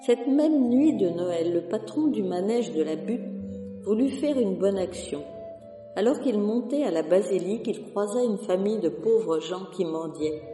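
A storyteller reading a Christmas tale aloud in a gentle, measured way. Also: mid-range voice, reverberant, long reverb tail. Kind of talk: scripted narration of a Christmas tale.

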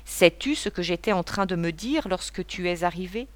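A fragile young wife pleads tenderly through tears in a read-aloud novel, voiced by a woman narrator. The voice sits lowish and soft. The recording is close and dry. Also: animated, normal speed, dry recording, lightly acted. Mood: tearful, tender. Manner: tearful, pleading. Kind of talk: audiobook character reading.

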